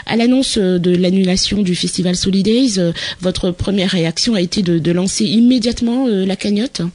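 A radio host opens the show and puts questions to a guest, halting often between phrases. The delivery is measured and mid-pitched, with frequent pauses to find words. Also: a little mellow. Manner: hesitant, frequent "euh" fillers. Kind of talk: radio interview hosting.

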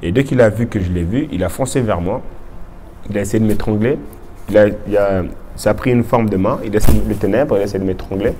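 A man's voice: fairly low pitch, fast, mellow, slight background noise. A young man from Congo telling his personal testimony in an informal way, often restarting his sentences.

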